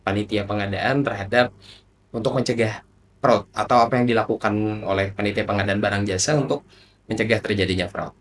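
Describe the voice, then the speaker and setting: A man's voice: lowish voice, fairly quick, fairly bright tone, far from the mic. A man hosting a podcast interview, asking questions and echoing and affirming his guest. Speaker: podcast host.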